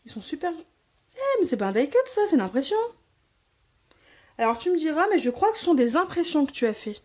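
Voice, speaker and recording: A woman's voice: high-pitched, sing-song, fairly quick, darkish tone. A woman hosting a scrapbooking channel, chatting casually and enthusiastically as she unboxes and admires craft supplies. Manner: gushing, enthusiastic, repeats her delight.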